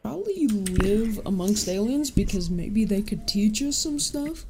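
Giggly young woman, slow lively talk. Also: medium pitch, a crowd in the background. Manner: giggly, drifts into whispers. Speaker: podcast co-host reading questions. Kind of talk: casual chat.

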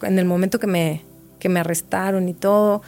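A woman's voice: on the low side, steady tone, brisk, darkish tone, faint music behind. Reflective woman telling her story. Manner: reflective, repeats words for emphasis. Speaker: guest. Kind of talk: personal storytelling in a podcast interview.

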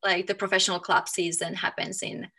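Finnish-accented woman, gravelly and bright. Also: fairly low pitch, flat delivery, fairly quick. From Finland. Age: 30s. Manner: loose, many fillers, thinks aloud. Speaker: guest, authenticity coach. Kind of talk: casual interview chat.

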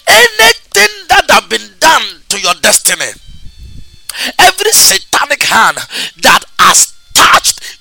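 A man leading a fervent prayer, chanting repeated declarations that build into shouts. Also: extremely high pitch, creaky, no room sound. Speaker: preacher. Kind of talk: fervent prayer with speaking in tongues.

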